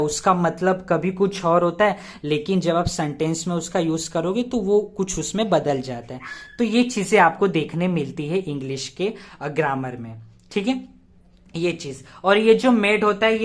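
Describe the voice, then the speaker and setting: A young man teaching a grammar lesson step by step. He repeats key words, asks rhetorical questions and spells words out letter by letter. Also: high voice.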